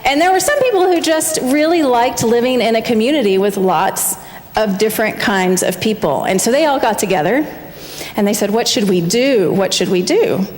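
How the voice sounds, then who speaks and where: Female family minister, lively storyteller, slightly high voice; recorded in a reverberant church hall. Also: moderate pace. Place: large church sanctuary.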